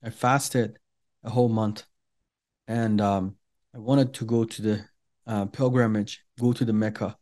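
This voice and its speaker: In an interview, a middle-aged man from Iran, a native Farsi speaker, earnestly recounts his personal testimony. He proceeds deliberately, filling his speech with pauses and fillers, in a fairly low, steady voice that is a little mellow.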